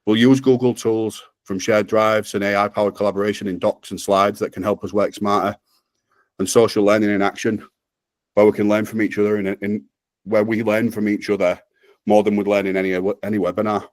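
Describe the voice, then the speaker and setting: Northern English male presenter, low voice, upbeat rehearsed delivery, dry close sound. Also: level tone, fairly quick, dry recording. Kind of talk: pitch presentation on a video call.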